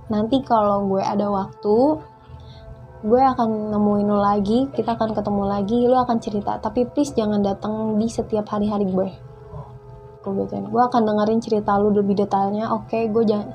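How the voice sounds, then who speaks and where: A young woman with a mid-range voice is a guest in a casual conversation. She tells her story in a lively way and acts out the dialogue.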